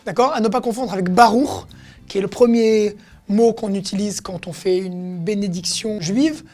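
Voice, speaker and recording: A woman's voice: medium pitch, moderate pace, darkish tone. A woman teaching everyday expressions in a casual lesson, explaining each word and acting out how it is said. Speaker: Hebrew teacher.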